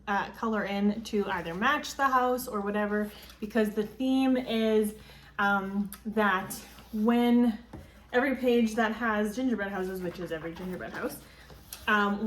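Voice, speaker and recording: A woman's voice: medium pitch, slight background noise. A woman chatting casually through a book haul, rambling with frequent ums and likes, filmed as a phone video. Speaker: book vlogger. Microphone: phone camera. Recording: roomy phone recording, faint ambience.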